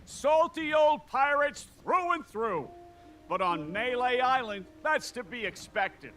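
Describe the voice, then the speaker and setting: A man's voice: high voice, bright, forceful tone, exaggerated voice. An actor playing a salty, cheeky pirate townsman in a video game, gossiping in a theatrical, folksy, wry way. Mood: gossipy, amused. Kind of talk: video game character dialogue.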